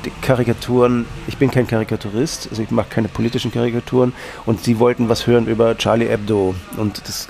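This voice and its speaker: A man's voice: fairly low pitch, creaky, a little mellow, a little hiss or hum. A man from Austria, a guest in an interview, telling rambling anecdotes with many restarts. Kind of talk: casual interview talk.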